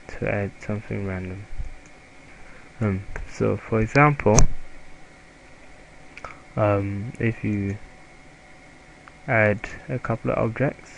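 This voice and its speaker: A young man with a German accent talks through a software tutorial, stopping and restarting his words as he goes. His voice is low and gravelly, and his delivery is slow. A faint background noise sits under the recording. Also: poor audio. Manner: halting, self-correcting, hesitant. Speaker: student presenter.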